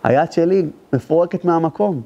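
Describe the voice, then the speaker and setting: A rabbi giving an emotional storytelling sermon to a live audience, speaking to the listeners directly and rising into intense high cries at the story's climaxes. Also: male voice, mellow, highs cut off. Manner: addresses the audience directly, urging them to listen. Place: live lecture before an audience.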